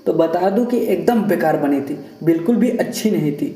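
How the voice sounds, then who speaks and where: A man's voice: a little high, expressive, moderate pace, dark tone. A man voicing an irritable young husband who scolds in a harsh tone. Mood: irritated. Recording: roomy echo.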